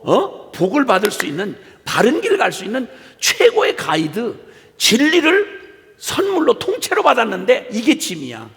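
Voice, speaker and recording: A man preaches with fervor at a church service, his high, gravelly voice swinging widely in pitch. He keeps nudging the congregation with rhetorical "eh?" prompts. A long hall reverb trails his words. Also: a bit bright. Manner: impassioned, with frequent rhetorical "eh?" interjections. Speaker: missionary preacher. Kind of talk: sermon.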